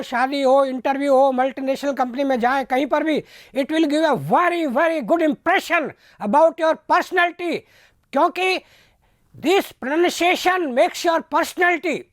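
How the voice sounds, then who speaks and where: A man giving a devotional discourse as a spiritual teacher, who talks slowly and deliberately and repeats words for emphasis. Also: extremely high pitch, no room sound, clean studio sound. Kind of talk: devotional discourse with pronunciation lessons.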